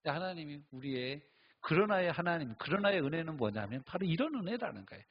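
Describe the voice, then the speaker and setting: Middle-aged male pastor, husky and lively, sermon storytelling on a dull, lo-fi recording. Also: fairly high pitch, fast talker. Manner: animated storytelling, acts out quoted voices and laughs. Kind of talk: sermon at a Friday night service.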